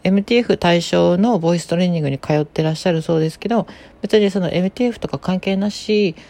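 Low, gravelly-voiced woman podcast host. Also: quick pace. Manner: calm, explanatory, conversational. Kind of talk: casual solo podcast talk.

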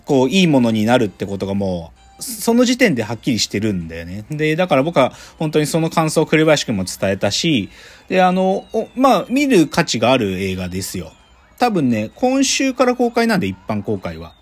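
A male radio host chats casually and rambles from one point to the next. His voice swings lively in pitch, and his speech is full of loose, colloquial filler words. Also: brisk.

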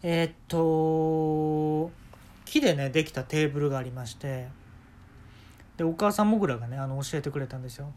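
A man with a Kansai accent telling an absurd story in a rambling, deadpan way as the host of a talk show. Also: fairly high pitch, a little fast, pauses often. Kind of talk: comic storytelling monologue.

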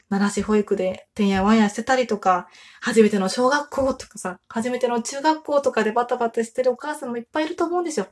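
A woman's voice: fairly high pitch, a little mellow. A woman in her thirties, a mother hosting her own podcast, chatting casually and animatedly with frequent laughs. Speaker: podcast host. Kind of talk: casual solo chat.

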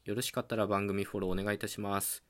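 A man hosting a podcast, explaining language points in a calm, patient, teacherly solo talk, often pausing on a filler between ideas. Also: on the low side. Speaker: podcast host.

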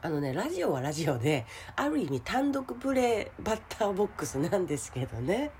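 A woman with a hoarse, gravelly voice gives a casual motivational solo talk as a radio host, speaking directly to the listener. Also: fairly low pitch, sing-song, fairly quick, slight background noise. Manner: addresses the listener directly with questions and soft sentence-ending particles. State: hoarse today.

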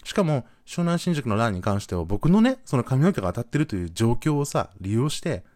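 Male podcast host from Gunma, casual story monologue, rapid and highly animated, dry close sound. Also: no room sound. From Gunma, Japan. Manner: animated, acts out quoted voices.

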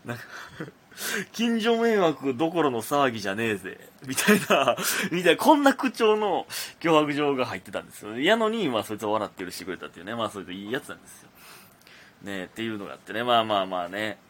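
A man's voice: fairly low pitch, very fast. A young man with a Kansai accent hosting a casual solo radio talk, rambling and full of fillers. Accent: Kansai Japanese. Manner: rambling, many fillers, animated. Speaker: radio talk host, comedian.

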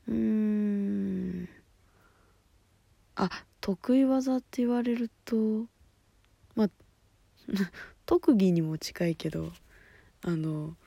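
A woman hosting a solo talk show, chatting casually, laughing often and dropping to soft murmurs. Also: mid-range voice, creaky, no room sound. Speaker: podcast host. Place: at home at night.

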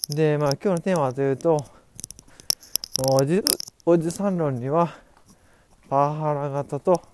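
A man of twenty-five, very drunk, rambling haltingly through a casual solo podcast, repeating and restarting his words. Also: a little high, steady tone. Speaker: podcast host. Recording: clearly noisy recording with clicks.

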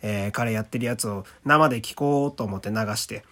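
A man's voice: medium pitch, brisk, fairly bright tone. A male voice actor hosting his own talk radio show, chatting casually in a put-on Kansai dialect, laughing often and reading listener letters aloud. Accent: put-on Kansai dialect mixed with standard Japanese.

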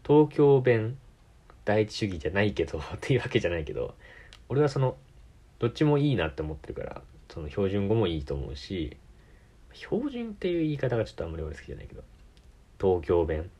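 A man's voice: fairly low pitch, sing-song, brisk, warm tone, breathy edge. A man from Tokyo with a Tokyo accent, hosting his own podcast and rambling casually, correcting himself and laughing often. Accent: Tokyo Japanese. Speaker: podcast host. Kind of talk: casual solo talk.

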